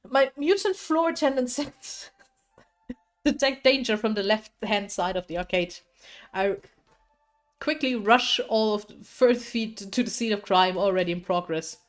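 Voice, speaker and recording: A young woman streamer reading a visual novel aloud, playful and chatty, laughing often. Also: a little high.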